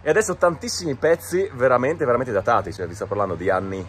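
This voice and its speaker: A man's voice: mid-range voice, fast talker, slight background noise. A man with an Italian accent, vlogging casually and enthusiastically outdoors about the cars he sees. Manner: enthusiastic, excitable, talks to viewers. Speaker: car vlogger. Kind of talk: casual vlog commentary. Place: outdoors in a mountain town. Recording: with music behind.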